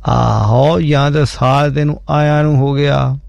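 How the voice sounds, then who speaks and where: An older man with a gravelly, creaky voice hosts a casual radio chat, telling stories in a folksy, teasing way. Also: medium pitch, steady tone, measured pace, darkish tone, no room sound, lo-fi sound. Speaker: radio show host.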